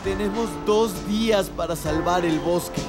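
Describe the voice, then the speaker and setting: An actor voicing an earnest, defiant animal hero in an animated series. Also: medium pitch, a little slow, over loud music, close to an everyday voice.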